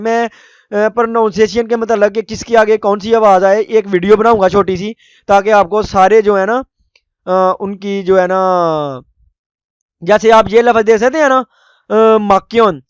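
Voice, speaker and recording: High-voiced man teaching a language lesson. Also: clear, resonant tone, no room sound. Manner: slow, repeated pronunciation of foreign words; frequent checking-in tag phrases. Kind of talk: explaining a lesson.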